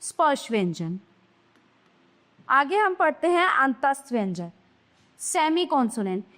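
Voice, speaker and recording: A woman teacher giving a grammar lesson, spelling out letters one by one and checking in with her class as she goes. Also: high voice. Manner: checks in with "theek hai".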